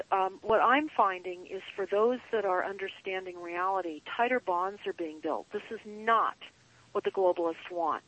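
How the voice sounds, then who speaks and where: A woman guest on a call-in show, speaking in an earnest, deliberate, emphatic way, like a paranoid late-night rant with drawn-out phrases. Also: medium pitch, fairly bright tone, highs cut off. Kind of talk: earnest conspiracy monologue.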